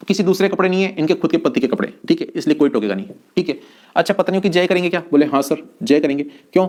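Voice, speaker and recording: A man teaching an exam-prep class in a slightly high voice. He coaxes the room with repeated questions and often answers for his students in a lower voice. He talks like a patient teacher, calling the students his children. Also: darkish tone. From India. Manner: repetitive, coaxing, calls students "my children". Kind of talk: exam-prep lesson with a memory story.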